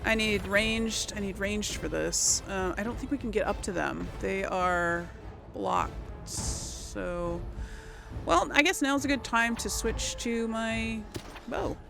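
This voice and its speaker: Over game music, a woman with a medium-pitched, slow voice and noticeable vocal fry plays through a let's play. She gives viewers casual commentary, exclaiming and muttering her reactions as the game goes on.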